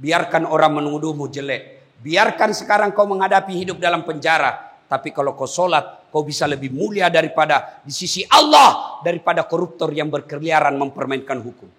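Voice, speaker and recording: A man preaching a humorous sermon at a prison gathering, animated, swinging between hushed and shouted lines. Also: on the high side, fairly quick.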